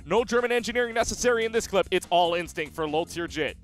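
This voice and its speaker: A man with a fairly high voice hosts an esports highlights recap. He moves through the matches in a brisk, upbeat way and adds playful asides. Soft music runs under him. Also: lively intonation. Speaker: host.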